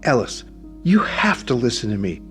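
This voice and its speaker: A man's voice: medium pitch, very animated, normal speed, a bit bright, soft background music, voice pushed up. A man reading an audiobook, voicing a tearful, anxious young woman who pleads emotionally. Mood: pleading.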